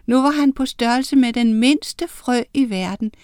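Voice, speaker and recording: A woman narrating a children's storybook in a clear, steady storytelling voice. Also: a little high, no echo, studio quality. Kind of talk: storybook reading.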